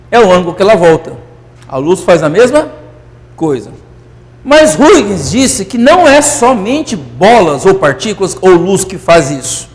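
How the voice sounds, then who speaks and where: A man teaching physics in a classroom lecture, euphoric and animated, constantly checking that students follow. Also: sits high, big-room sound.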